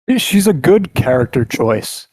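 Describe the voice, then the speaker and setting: A man's voice: mid-range voice, sing-song, unhurried, darkish tone, breathy edge, dry recording. A man hosting a podcast, musing casually with hesitant restarts. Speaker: podcast host. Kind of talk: casual chat.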